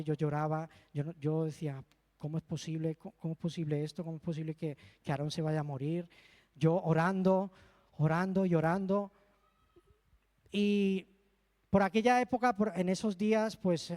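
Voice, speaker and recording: Guy preaching, pretty high voice, heartfelt story, big echoey church hall. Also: dark tone. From Spain. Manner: earnest, heartfelt storytelling with emotional asides. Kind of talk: sermon with personal testimony. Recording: long reverb of a church hall.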